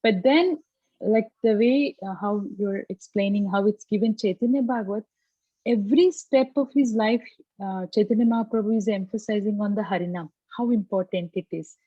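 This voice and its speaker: A woman with a South Indian accent sharing a personal reflection on an online group call, halting as she searches for words. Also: mid-range voice, no room sound. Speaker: class participant. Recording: dull, muffled online call audio.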